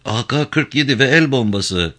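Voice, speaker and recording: A man's voice: medium pitch, animated, normal speed, bright, forceful tone, pitched above the performer's own voice. Man voicing a tearful, loyal young woman. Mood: determined. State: choked with tears.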